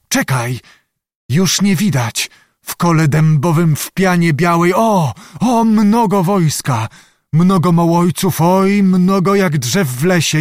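A man's voice: fairly high pitch, no room sound, studio quality, voice pushed up. A man voicing a fierce young Cossack witch, wild and coarse, in a raised chanting voice for an audiobook. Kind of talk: audiobook reading.

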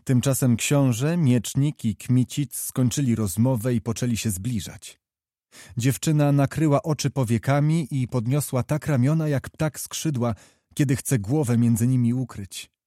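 A man reading a classic novel aloud in measured, even audiobook narration. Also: mid-range voice, dry recording, studio quality.

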